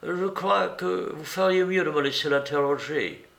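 A man voicing an impatient, brisk older male official in a storybook reading. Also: fairly high pitch, creaky, fairly bright tone, reverberant, pitched above the performer's own voice.

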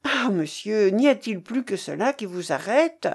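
A woman's voice: medium pitch, expressive, unhurried, darkish tone, husky. A woman reading aloud and voicing a cunning female servant who coaxes and persuades her master. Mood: coaxing. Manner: coaxing, persuasive.

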